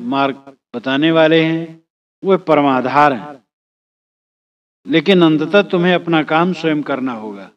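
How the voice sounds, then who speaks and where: A spiritual teacher, a man with a fairly high voice, gives a religious discourse, reciting verses and explaining them phrase by phrase in an earnest, exhorting tone. The audio sounds dull.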